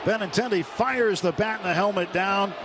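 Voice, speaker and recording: With a crowd audible behind him, an American radio announcer with a high voice calls a baseball game live at normal speed. He's in a stadium broadcast booth, and the live ballpark broadcast is noisy.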